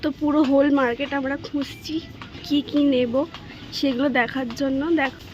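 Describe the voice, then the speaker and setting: A woman's voice: high-pitched, steady tone, fairly quick, lo-fi sound. A young woman, chatting to viewers in a casual vlog while filming on her phone. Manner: chatty, addresses viewers directly. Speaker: vlogger. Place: outdoors and in a shopping mall.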